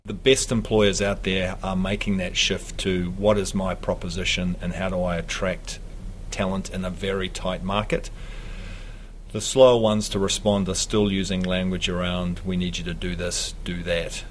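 Male manager interviewed, very low voice with little pitch movement, slight background noise. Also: flat delivery, moderate pace. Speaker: company country manager. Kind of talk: interview commentary. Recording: faint background room noise.

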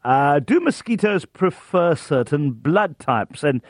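Animated male radio host, higher voice. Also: takes it slowly, dry recording, studio quality. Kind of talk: casual live phone-in chat.

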